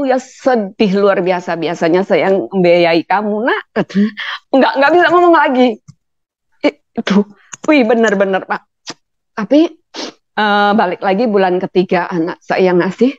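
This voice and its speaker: A woman's voice: mid-range voice, no echo. A middle-aged woman gives an emotional personal testimony, often laughing as she talks. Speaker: guest. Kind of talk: testimony interview. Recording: dull, dry sound.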